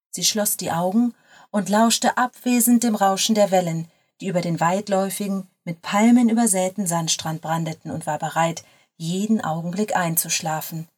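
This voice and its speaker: Female storyteller reading a short story aloud, steady and measured. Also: mid-range voice. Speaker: narrator.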